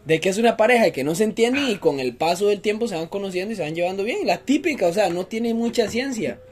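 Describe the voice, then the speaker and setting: A man's voice: high-pitched, quick pace. A young man with a Costa Rican accent, co-hosting a casual podcast and telling stories with lots of slang. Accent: Costa Rican Spanish. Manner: joking, animated storytelling with slang. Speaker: podcast co-host. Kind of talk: casual chat.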